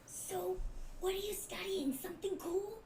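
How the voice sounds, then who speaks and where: A woman voicing an excitable, starstruck little child in an anime dub. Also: very high voice, unhurried, a little hiss or hum. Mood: excited. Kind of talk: English anime dub acting. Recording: roomy playback with music behind.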